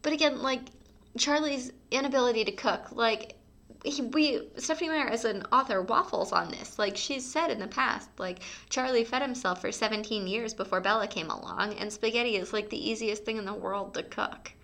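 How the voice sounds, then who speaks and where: A woman's voice: a little high, moderate pace, fairly bright tone. A woman co-hosting a casual book podcast, talking in an informal, opinionated, conversational way. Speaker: podcast co-host.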